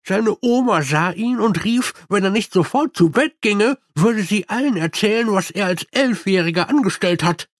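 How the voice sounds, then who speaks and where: A man voicing a deadpan army captain who reports bad news slowly, with hesitant fillers and dry irony. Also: high-pitched, dry recording, pitched above the performer's own voice.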